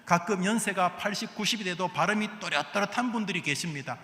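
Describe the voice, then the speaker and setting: A male pastor preaching a Sunday sermon, asking the congregation questions and answering them, swinging between soft asides and loud exhortation. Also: sits high, fast talker. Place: large church sanctuary. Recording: echoey hall with long reverb.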